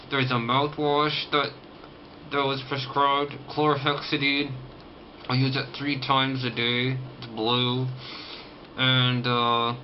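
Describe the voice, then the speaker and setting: A man chatting casually in a personal vlog, talking with a stiff, sore jaw. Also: mid-range voice. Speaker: vlogger recovering from jaw surgery. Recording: dull lo-fi audio, clear background noise.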